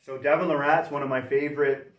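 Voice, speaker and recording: This Canadian livestream host, a middle-aged man, talks fast in a slightly high voice with fairly flat intonation. He's upbeat, wanders from topic to topic, and corrects himself often. The setting is indoors by a fireplace, captured with a distant mic and an echoey room.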